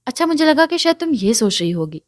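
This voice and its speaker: A playful young man courting with soft coaxing words, as a woman reads him, lifted a little in pitch, in a dry close room with no echo around the voice, and delivered in an easy storybook reading. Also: big pitch swings. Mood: teasing. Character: young man, confident and teasing suitor.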